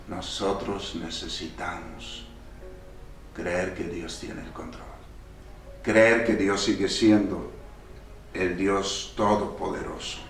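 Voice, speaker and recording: A man preaching a sermon as pastor, rising suddenly in pitch and volume at key points. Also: fairly even intonation, slow, creaky, long pauses, soft background music. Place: church. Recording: echoey church hall from far off.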